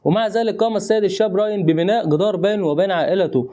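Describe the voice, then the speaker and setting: A man reads a comic recap at a breakneck pace, one line running into the next. His voice sits high but sounds dark and mellow. The narration is scripted and steady. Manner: rapid, continuous storytelling.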